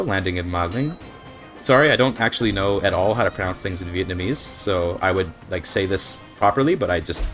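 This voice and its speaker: A young man with a low-pitched, fairly bright voice and a slightly scratchy throat gives relaxed commentary while playing, reasoning about his speedrun strategy aloud with fillers. He's using a desk microphone.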